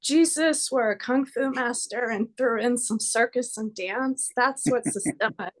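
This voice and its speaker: With a fairly high voice and a measured pace, a woman introduces her guest at the start of a video-call interview, friendly and giggly throughout. She practises body care and records through her computer microphone.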